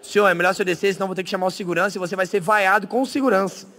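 A man voicing a weary male water park slide instructor, insisting flatly that the customer go down. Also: high-pitched, rapid-fire. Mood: insistent.

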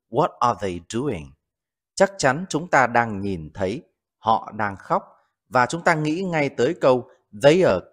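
An English teacher hosts a vocabulary lesson, talking slowly and clearly. His pitch rises and falls widely as he emphasizes each new word, and he carefully repeats example sentences for learners.

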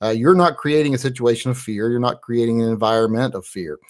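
He talks fast in a mid-range voice. The speaker, a man in his forties from West Virginia, hosts a live-stream Q&A and answers viewer questions loosely, rambling along with lots of "uh"s. He's set up in a small home studio with headphones and a large studio microphone on a boom.

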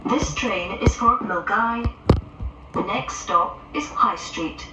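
Woman's recorded train loudspeaker announcement. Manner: measured, formal announcer delivery. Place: inside a moving train carriage. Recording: echoey, distant onboard recording with loud train noise. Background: loud train rumble.

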